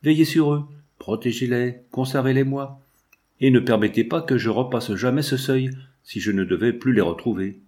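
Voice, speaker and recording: A man's voice: medium pitch, expressive, normal speed, darkish tone, natural voice. A man reading the lines of a devoted young peasant girl, earnest and pleading in an audiobook.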